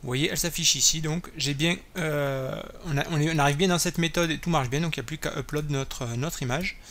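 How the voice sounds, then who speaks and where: A man's voice: on the high side, brisk, a bit bright. French man thinking aloud through code. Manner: thinking aloud while typing, many fillers and self-corrections. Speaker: coding tutorial host. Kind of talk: screen-recorded coding tutorial. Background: keyboard typing and clicks.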